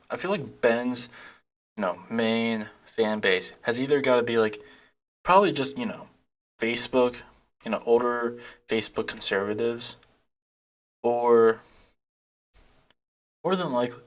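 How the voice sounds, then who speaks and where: A man's voice: mid-range voice, fairly bright tone. A man giving casual reaction commentary, rambling and mocking, laughing often. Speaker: YouTube commentator.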